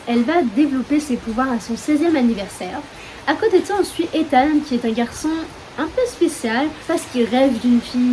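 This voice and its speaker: This book vlogger, a young French-accented woman, talks about books in a relaxed, filler-heavy way, poking fun at herself. Her high voice is a little mellow. She's at home with the windows open during a storm, so faint wind and rain noise comes through.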